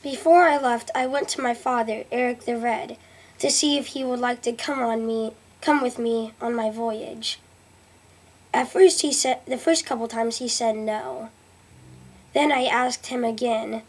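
A teenage girl with a slightly high, steady, husky voice plays Viking explorer Leif Erikson for a school history report. She reads earnestly but haltingly, restarting many times, recorded at close range on a webcam in a small room.

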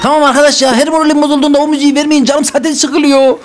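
A man's voice: very high-pitched, flat delivery, racing, soft background music. A man giving casual game commentary, joking aside to his viewers. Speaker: gaming YouTuber.

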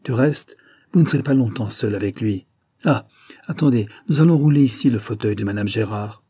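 A man reading the part of a stern, commanding gentleman who speaks imperiously in an audiobook. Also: fairly low pitch, a little fast, slightly rough, dry recording, studio quality. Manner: imperious, firm.

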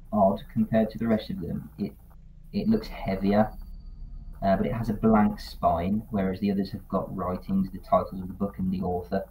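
A man narrating a tabletop game as game master, describing scenes steadily with fillers. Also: on the low side. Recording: tinny voice-chat audio, faint noise.

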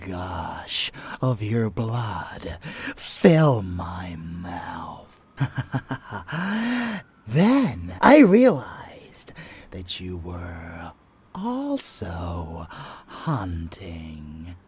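In an intimate ASMR audio roleplay, a man plays an unhinged, seductive male vampire lover in a lowish, heavily acted voice. He's breathy and often whispers, his affection teasing and menacing.

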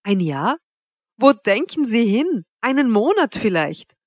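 A woman's voice: fairly high pitch, sing-song, measured pace, darkish tone, no echo, pitched above the performer's own voice. A woman reading aloud plays a proud young princess who mocks and toys with the man who loves her, her lines lifted above her narrating voice. The delivery is cool and teasing, recorded dry and close for an audiobook. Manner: teasing, coolly mocking. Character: haughty, mocking young noblewoman, cool and cruel. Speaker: princess Wanda.

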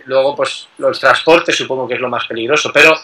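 A man chatting casually as a guest about travel, relaxed, with many fillers and tag questions. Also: medium pitch, a little fast, rough recording. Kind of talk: casual conversation.

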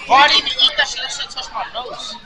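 A man's voice: very high voice, steady tone, fast talker, heavy background noise. A young man chatting casually, blunt and slangy. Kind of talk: casual chat. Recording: off-mic in a loud crowd.

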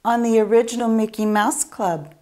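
A woman in a comedy sketch, switching quickly through many put-on voices and impressions. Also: fairly high pitch, dark tone.

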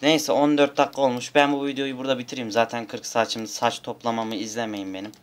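A man's voice: medium pitch, level tone, fast. A young man giving rambling, casual gameplay commentary and swearing now and then, at a desk mic. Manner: rambling, swears, shouts in bursts. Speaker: gamer.

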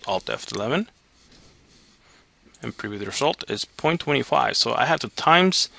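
A man narrating a step-by-step software tutorial as the instructor. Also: fairly low pitch, creaky, no echo. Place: voice-over on a screen recording.

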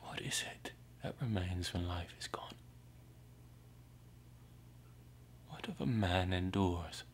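A man performing a theatrical monologue as Merlin driven mad, an anguished, brooding outcast prophet who swings between breathy whispers and ringing cries. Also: low voice, normal speed, a little hiss or hum. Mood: desolate.

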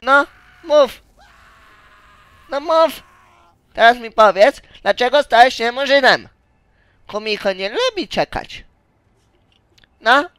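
A woman voicing a quirky, naive young girl character during game commentary, speaking broken, childish phrases with shrill squeals. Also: lively intonation, takes it slowly, pauses often, fairly bright tone, clear, resonant tone, no echo. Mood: demanding.

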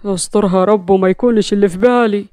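A woman's voice: mid-range voice, fairly even intonation, racing, darkish tone, no echo, studio quality, pitched below the performer's own voice, natural voice. A woman voicing a worried young man who mutters prayers under his breath. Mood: fretful. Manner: whispery, fretful.

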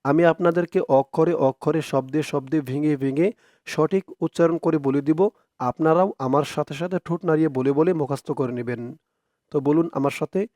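A man leads a recitation lesson in a smooth, resonant voice that sits a little high for a man. He drags the recited syllables out slowly, then drops into quicker, quieter explanation. The sound is dry and close, with no room around it. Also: no room sound. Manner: slow, drawn-out recitation alternating with quick spoken explanation. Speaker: Quran recitation teacher.

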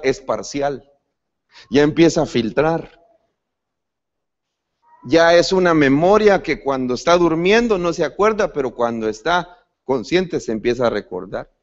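Animated preaching man, lo-fi recording. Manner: preaching, addresses the congregation as brother; lively pitch swings, rising to sudden emphatic peaks. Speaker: pastor. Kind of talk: sermon. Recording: dull lo-fi church recording.

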